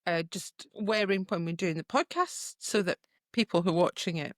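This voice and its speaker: A woman's voice: fairly low pitch, normal speed, dry recording, studio quality. A middle-aged woman co-hosting a podcast in casual chat, chatty and laughing often. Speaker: podcast co-host.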